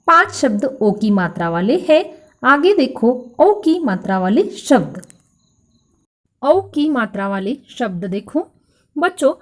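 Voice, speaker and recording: A woman teacher giving a slow, clear grammar lesson to children, spelling words out letter by letter and calling each word out loudly for them to repeat. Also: high-pitched. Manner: addresses children directly, asking them to repeat.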